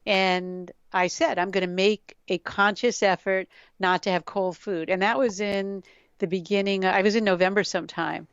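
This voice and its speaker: Middle-aged woman chatting on a podcast, smooth voice, kinda dull dry sound. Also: medium pitch, fairly even intonation, normal speed, no echo. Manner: reflective, explanatory, laughs easily. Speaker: yoga scientist guest. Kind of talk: conversational podcast interview.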